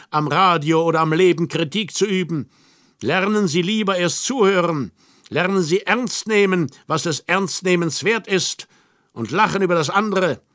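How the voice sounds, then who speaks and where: A man's voice: sits high, fairly bright tone, no echo, clean studio sound. A man reading an audiobook and voicing Mozart as an all-knowing, mocking spirit who lectures in an ironic, scornful tone.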